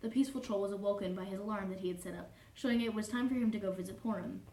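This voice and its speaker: A prim, easily offended young troll, played by a woman, reads aloud in a formal, pedantic tone, stopping to correct and apologize. The voice is mellow and a bit dark. It is heard from a distance in an echoey room with faint background noise. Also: medium pitch, steady tone, racing, close to an everyday voice. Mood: prim, fussy. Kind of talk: cosplay character reading fanfiction aloud. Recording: roomy echo, distant mic, faint noise.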